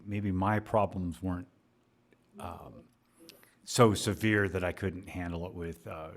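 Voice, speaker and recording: A man with a low, deep voice co-hosting a podcast. He speaks haltingly and candidly, repeating words and pausing with fillers as he gathers his thoughts. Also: fairly even intonation. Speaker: podcast co-host. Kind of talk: candid conversational chat.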